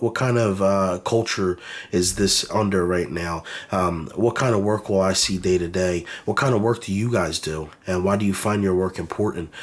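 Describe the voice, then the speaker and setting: A man with a stuffed-up, nasal voice from a cold gives casual career advice to camera. His voice sits fairly low and has a husky edge. He talks in a direct, encouraging way, dropping in plenty of ums and uhs. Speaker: YouTuber giving career advice.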